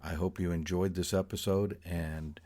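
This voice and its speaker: An older man telling a story from his own life in an unhurried, conversational way. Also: low voice, flat delivery, warm tone. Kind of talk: personal storytelling podcast.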